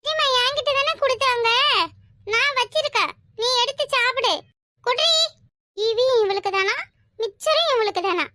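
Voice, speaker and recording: A bossy, cheeky cartoon girl, voiced by a woman, whining and snapping in a squeaky high voice. Her tone is bright and sharp. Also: moderate pace, pauses often. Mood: defiant. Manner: sulky, defiant whining. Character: bossy cheeky older girl who bullies her cousin.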